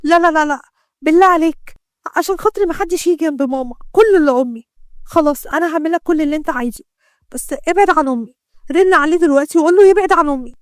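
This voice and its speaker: A woman voicing a frightened young female doctor with an Egyptian accent, speaking in a high, tearful, pleading voice. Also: very fast, no room sound, clean studio sound, natural voice. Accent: Egyptian Arabic.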